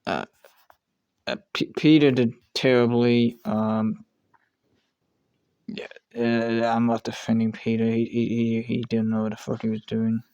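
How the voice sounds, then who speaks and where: Rambling, swearing man with a smooth voice. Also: mid-range voice, level tone, measured pace, darkish tone, no echo, highs cut off. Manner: rambling, swears casually, trails off and restarts. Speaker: video creator ranking show contestants. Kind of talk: casual commentary while making a tier list.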